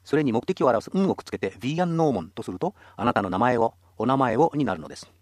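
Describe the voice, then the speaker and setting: A man's voice: medium pitch, big pitch swings, fast talker, no room sound, clean studio sound. A man teaching a radio language lesson, explaining patiently and encouraging listeners.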